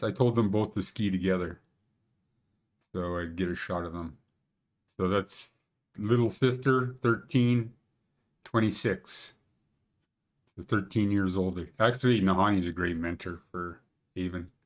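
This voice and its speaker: A man in his fifties hosting a park conditions show, chatting casually in rambling, joking asides. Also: fairly low pitch. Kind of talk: casual morning vlog chat.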